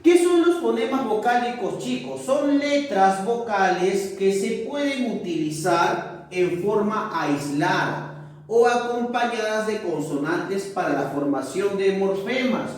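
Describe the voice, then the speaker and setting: Guy teaching a class, high voice, slow and hesitant, keeps checking in, echoey room far from the mic. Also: expressive. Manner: checks in often with tag questions; hesitant, with many fillers. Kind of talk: classroom lesson.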